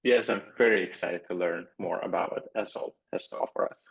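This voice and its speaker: A man from Belgium hosts a tech webinar in a measured, welcoming tone. His voice is somewhat low and slightly husky. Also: poor audio. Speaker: developer advocate, webinar host. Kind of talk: webinar introduction.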